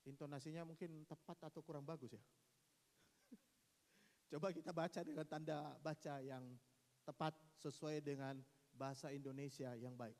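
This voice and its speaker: A man preaching a sermon as pastor, with an East Javanese accent and a lively manner, mimicking gossiping friends. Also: a little high. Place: church hall. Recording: long reverb of a church hall.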